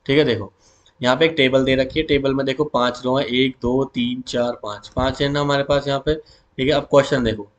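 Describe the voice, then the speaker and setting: A man's voice: mid-range voice, steady tone. A male teacher giving an exam revision lesson, calling his students "beta" and repeating key words back to them as questions. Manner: reads English SQL commands slowly, word by word.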